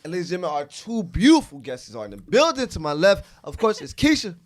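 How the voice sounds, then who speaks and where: Miami guy hosting a podcast, high lively voice, jokes around a lot. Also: fast talker. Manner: playful, animated banter. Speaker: podcast host. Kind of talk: casual chat.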